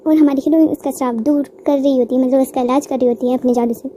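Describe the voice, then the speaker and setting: Chatty woman narrator for a manga recap, high and mellow, slight background hiss. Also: steady tone, fast. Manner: chatty storytelling, laughs now and then.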